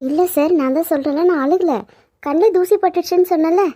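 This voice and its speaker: Woman doing a young cartoon housemaid, very high voice, earnest, pleading. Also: brisk, dark tone. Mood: denying. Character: young housemaid woman, shy, hiding her hurt. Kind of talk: cartoon dubbing.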